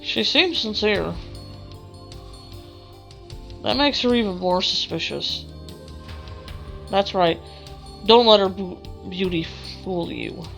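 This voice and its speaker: A young woman playing a visual novel for a let's play reads its text aloud expressively, stumbling now and then, with video game music behind her. Her medium-pitched voice is animated, a little slow, creaky and fairly bright.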